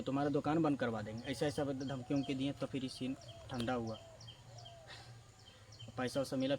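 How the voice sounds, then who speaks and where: A man telling a comic story in a casual, animated way, swinging between loud and hushed. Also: on the high side. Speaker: storyteller, channel host. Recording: distant mic with faint background noise.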